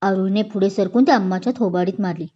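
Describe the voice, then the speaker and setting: A woman's voice: medium pitch, quick pace. A woman storyteller narrating a dramatic story expressively, in a dull lo-fi recording. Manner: expressive, acts out the dialogue.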